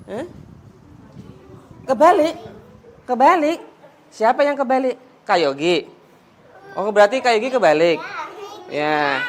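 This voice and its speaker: A man's voice: high voice, slight background noise. Playful man teasing children at a mic. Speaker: children's speaker. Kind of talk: lively talk to children. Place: school hall with children. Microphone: handheld microphone.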